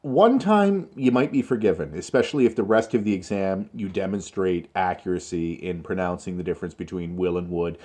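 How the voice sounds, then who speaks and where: Slow, deliberate low-voiced male teacher. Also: mellow. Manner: slow, deliberate, with stretched words and pauses for emphasis. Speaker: English teacher. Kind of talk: spoken grammar lesson.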